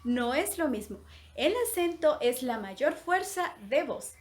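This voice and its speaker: Slow, high-voiced woman teaching a lesson. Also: lively intonation. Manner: slow, clear, syllable-by-syllable explanation. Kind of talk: recorded grammar lesson for children.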